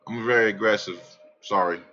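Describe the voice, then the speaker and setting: Brash, bright-voiced man ranting on trading. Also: lowish voice, fairly quick, muffled recording. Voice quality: calls his own voice aggressive. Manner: brash, profane, excitable, trails off mid-sentence. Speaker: crypto trading vlogger. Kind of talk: casual rambling chart commentary.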